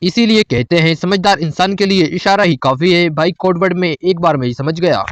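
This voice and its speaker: A man's voice: sits high, brisk, a little hiss or hum. A man giving teasing, wry voice-over commentary on funny clips. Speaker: compilation narrator.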